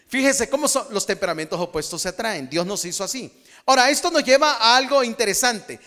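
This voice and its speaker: High-voiced pastor in a reverberant hall. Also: male voice. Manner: animated, humorous preaching with acted-out quotes. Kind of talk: sermon.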